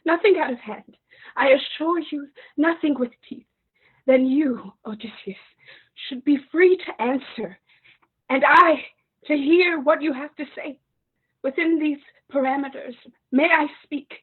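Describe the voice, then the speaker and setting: A woman's voice: high voice, measured pace, phone-quality sound. An actress playing an old widowed queen turned slave, lamenting with crying in her voice. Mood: bitter pleading. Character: old widowed enslaved queen, grief-stricken. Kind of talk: stage play reading.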